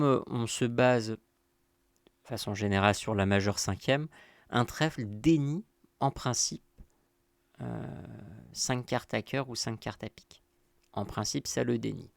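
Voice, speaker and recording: A man with a gravelly, creaky voice at a middle pitch walks viewers through a card game lesson. He speaks casually, padding his explanations with fillers and repeated phrases. The sound is dry and close, with no room around it. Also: measured pace, long pauses, no echo. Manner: conversational, many fillers and "donc là, ici". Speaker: bridge teacher and channel host.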